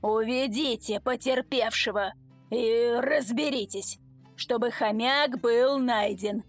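A woman's voice: on the high side, slow, faint music behind. A woman voicing a nervous middle-aged police colonel who hisses his orders. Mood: hissing. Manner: hissing.

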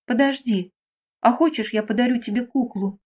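A woman's voice: on the high side, normal speed, darkish tone, natural voice. A woman voicing a brave little girl in a children's storybook, earnest and determined. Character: brave little girl protecting her friend.

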